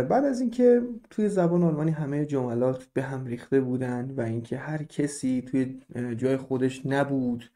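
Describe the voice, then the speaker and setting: A man's voice: medium pitch, warm tone. A young man teaching a beginner German lesson in a casual way, explaining step by step and asking his students questions.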